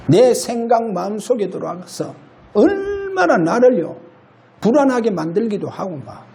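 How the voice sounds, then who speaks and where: A male pastor preaching an impassioned sermon in a church, shifting between loud and low. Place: church sanctuary.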